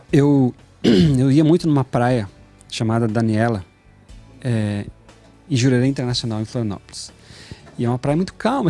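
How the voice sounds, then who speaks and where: Man, guest testimony, lively retelling with quoted voices, quick delivery. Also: fairly high pitch. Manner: animated storytelling, acts out quoted dialogue. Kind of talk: personal testimony in interview.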